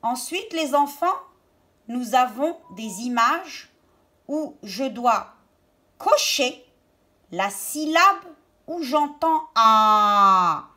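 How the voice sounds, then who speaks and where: Woman, teacher, bright, slightly high, slow and deliberate. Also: animated. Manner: slow, deliberate, stresses and repeats words for children. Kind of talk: children's reading lesson.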